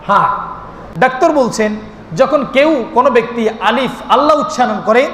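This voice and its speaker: A male preacher giving a sermon. He often asks questions and answers them himself, and sometimes breaks into drawn-out chanted calls. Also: very high-pitched, fairly bright tone. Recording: echoey hall recording with faint noise.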